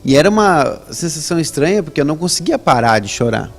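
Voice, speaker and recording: A man's voice: fast, soft background music. A man, a guest telling his personal religious testimony in a conversational way, often ending sentences with a questioning tag. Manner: lively storytelling with rising pitch on emphasis. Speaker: interview guest.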